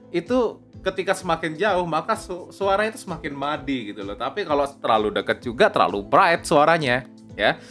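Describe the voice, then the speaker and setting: A young man chats his way through a casual voice-over tutorial, his mid-range voice fairly bright, often tacking on "ya" and "oke" and slipping in English phrases. He's recorded on a close lapel mic.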